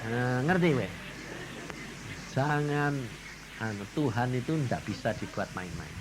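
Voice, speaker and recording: A middle-aged male evangelist with a Javanese-influenced Indonesian accent, telling stories in a lively sermon and acting out the quotes, swinging from hushed to loud. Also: mid-range voice, unhurried, noisy background. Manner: animated, acts out quotes, swings from hushed to shouting. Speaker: evangelist preacher.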